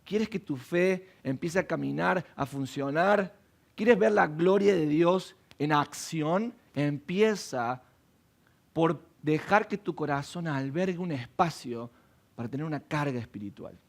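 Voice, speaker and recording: A man preaching from the pulpit, his voice gravelly with a lot of fry and sitting somewhat high for a man. He keeps putting rhetorical questions to his listeners. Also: unhurried. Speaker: pastor. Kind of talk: sermon. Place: church.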